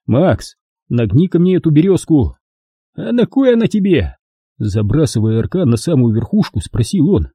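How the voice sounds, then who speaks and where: A man narrating an audiobook in the first person, calm and lively. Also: mid-range voice, breathy edge, no room sound.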